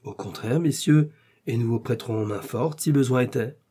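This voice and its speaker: A man voicing a bold young swordsman who gives orders in a raised, forceful voice. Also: medium pitch, normal speed, husky, natural voice. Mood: commanding.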